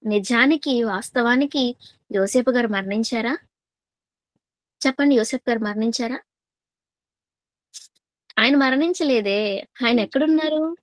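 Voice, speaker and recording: Woman preacher, sermon, higher voice, dry close sound, questions the congregation, repeats lines for stress. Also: no echo.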